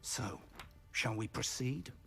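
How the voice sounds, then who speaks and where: Patient old wizard teacher in a game, formal and measured, voice rises and falls a lot. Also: male voice, mid-range voice, animated, fairly bright tone, soft background music. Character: patient older male wizard professor, mentor. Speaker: professor. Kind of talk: video game dialogue.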